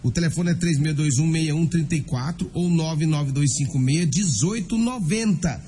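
A man's voice: a little high, moderate pace, warm tone, husky. A Brazilian man hosting a radio news programme, reading news and live ads in a colloquial, chatty way that addresses listeners directly. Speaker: radio crime-news host. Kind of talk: informal news commentary and live-read advertising. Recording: music bed under the voice. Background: background music.

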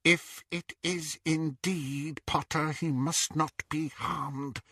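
A man's voice: expressive, a little slow, bright, forceful tone, no echo, studio quality, heavily acted. A man voicing a cruel, unhinged woman who shrieks and barks orders. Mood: muttering. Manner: shrill, screaming, commanding.

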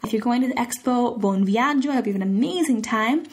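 Speaking at a quick pace in a slightly high voice that is darkish in tone and breathy at the edges, a language podcast host teaches Italian phrases. She keeps the lesson casual, chatty and conversational while carefully sounding out example phrases.

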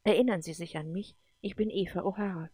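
A woman's voice: on the low side, fairly even intonation, a little fast, mellow, breathy edge, dry recording. Careful, reassuring woman at a sickbed, read by a woman narrator; dry, close voice.

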